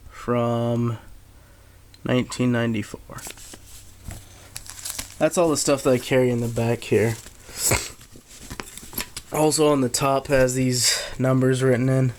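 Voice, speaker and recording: A man giving a casual, unscripted gear review in a halting, low-key way with frequent pauses. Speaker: military surplus collector reviewing gear. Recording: steady background noise, handheld camera.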